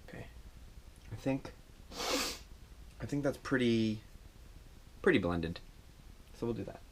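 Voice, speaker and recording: With a mid-range, expressive voice, a makeup vlogger speaks slowly in a casual home tutorial shot on an action camera, with a little hiss or hum. He rambles with fillers in a chatty way and jokes at his own expense.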